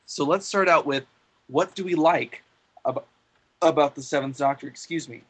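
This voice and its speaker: A man's voice: on the high side, moderate pace. A man co-hosting a casual fan podcast, steering the talk in a rambling way with fillers and restarts, while he has the hiccups. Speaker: podcast co-host leading the discussion.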